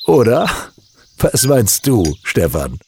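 A man's voice: mid-range voice, huge pitch swings, slow, noisy background, voice pushed up, full character voice. A man voicing a stern father who lectures his son with pointed questions in a storybook reading. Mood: knowing. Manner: reproachful, questioning.

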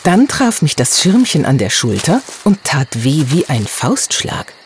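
Expressive children's-story narrator, first-person telling, wide lively pitch. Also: a little slow, slight background noise. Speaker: audiobook narrator.

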